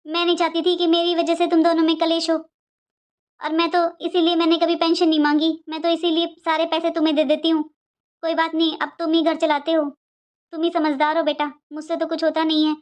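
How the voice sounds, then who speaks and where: A woman voicing a meek elderly mother who speaks softly and gently in a family drama. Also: very high-pitched, monotone, brisk. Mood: resigned.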